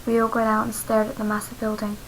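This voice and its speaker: A woman reading her own fanfiction aloud slowly and carefully, as an amateur storyteller. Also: mid-range voice, completely flat delivery, a little hiss or hum, rough recording. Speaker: fanfiction reader.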